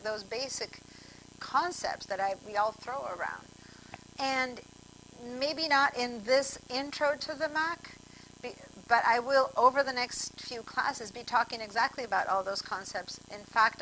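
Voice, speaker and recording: A bright, fairly high, forceful female voice comes through poor audio with a slight hiss or hum. She is from Argentina and is giving a computer lesson over a video call, rambling and sociable as she speaks right to her students.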